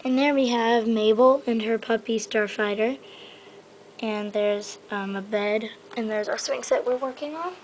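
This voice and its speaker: A young woman vlogs a rambling, casual tour of her toy horse stable while on her bedroom floor, using a handheld camera mic. Her voice is on the high side and darkish, at a measured pace, with frequent "um" and "so yeah." The recording is low quality with slight background noise.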